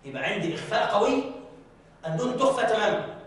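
High-voiced teacher in an echoey mosque. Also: male voice, animated. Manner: checks on students often, recites examples slowly and drawn out. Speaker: Quran recitation teacher. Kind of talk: classroom lesson with recited examples. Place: large mosque hall. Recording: very echoey hall, from far off.

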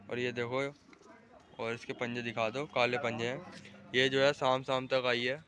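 A young man with a pushed, bright, medium-pitched voice vlogs casually outdoors on a rooftop. He shows off his pigeons, chats, directs his friends and calls out to viewers, recording on a phone camera held in hand.

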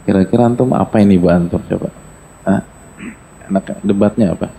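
A man giving a lively sermon to a congregation, acting out the dialogue of his story and speaking straight to his listeners. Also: fairly quick, gravelly, a little hiss or hum. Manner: animated, acts out dialogue in a higher voice, addresses audience directly. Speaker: preacher.

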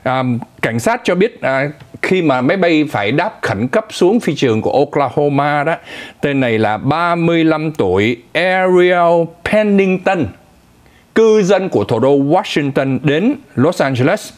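A male co-anchor telling and commenting on the news in a lively, conversational way, speaking directly to the audience. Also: on the high side, unhurried.

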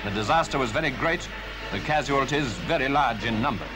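A man narrating an old newsreel in a grave, formal, measured manner. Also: mid-range voice, low-quality recording. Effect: old newsreel voice-over. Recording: voice-over with music underneath.

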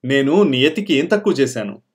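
A man's voice: medium pitch, big pitch swings, normal speed. A male narrator voicing a hurt, defensive young husband in an audiobook story, sounding aggrieved and pleading.

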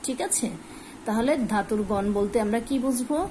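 Patient female teacher explaining grammar, quizzing and answering herself, a little high-pitched, faint background hiss. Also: moderate pace, warm tone, rough recording. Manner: patient, asks and answers her own questions. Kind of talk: classroom grammar lesson.

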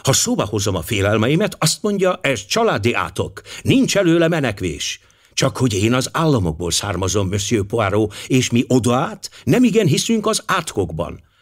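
A man's voice: medium pitch, big pitch swings. A man voicing a worried American mother, speaking earnestly and pleadingly. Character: anxious American mother, middle-aged woman.

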